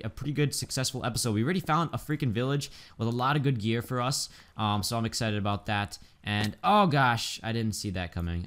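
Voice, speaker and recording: A man's voice: lowish voice, fairly bright tone. A man giving casual, chatty let's-play commentary, upbeat and full of ums and likes. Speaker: gaming YouTuber.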